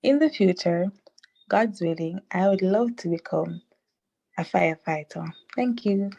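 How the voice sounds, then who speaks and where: Slow-speaking woman in her twenties. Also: lowish voice, expressive, vocal fry, dark tone, muffled recording. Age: 20s. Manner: slow and deliberate. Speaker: quiz contestant. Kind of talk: reading prepared answers.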